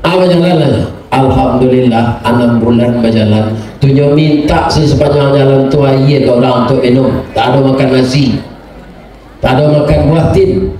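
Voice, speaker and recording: A middle-aged man with a Minangkabau accent, preaching a sermon through a lively story, acting out the characters with big swings in pitch. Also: normal speed, slight background noise. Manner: animated, acts out characters, shifts pitch often. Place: large hall or school assembly. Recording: echoey hall, distant mic.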